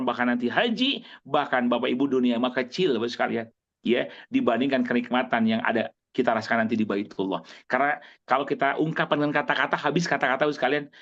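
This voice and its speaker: A man preaching to his audience, emphatic and repetitive, swinging between high exclamations and low, earnest stretches. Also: a bit bright. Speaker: Islamic preacher. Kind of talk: motivational religious talk to an audience. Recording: dull lo-fi recording.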